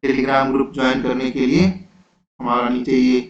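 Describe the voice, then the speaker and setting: A man teaching an exam-prep lecture, explaining slowly and patiently, checking in with his students again and again. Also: medium pitch, monotone. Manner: slow, repetitive explaining with frequent "theek hai". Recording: roomy, dull lo-fi sound.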